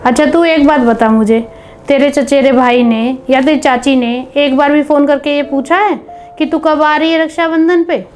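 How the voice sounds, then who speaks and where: A woman playing a caring mother-in-law who gently advises her daughter-in-law in a family drama. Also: sits high, steady tone, moderate pace, close to an everyday voice. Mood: advising. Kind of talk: scripted home video family drama. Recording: background music under dialogue.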